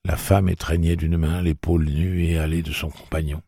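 Man, audiobook narration, very deep, gravelly, husky, dry close recording. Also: little pitch movement, moderate pace, mellow, no room sound. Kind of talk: scripted narration of a novel.

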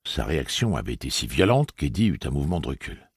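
Man, audiobook narrator, low, husky, lively intonation, dry sound. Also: no room sound. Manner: measured storytelling. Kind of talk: scripted narration.

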